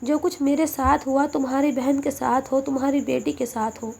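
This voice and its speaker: A woman's voice: high voice, steady tone, creaky, a little mellow. A woman voicing a wronged, bitter young woman who speaks vehemently. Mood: cursing. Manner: vehement, quick.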